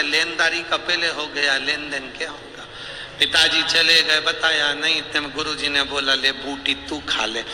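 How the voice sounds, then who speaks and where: Bright-voiced male preacher in an echoey hall. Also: on the high side, a little hiss or hum. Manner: lively storytelling, acting out characters' voices; humorous, teasing asides. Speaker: religious storyteller preacher. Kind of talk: devotional sermon with storytelling. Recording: echoey hall with long reverb, faint ambience.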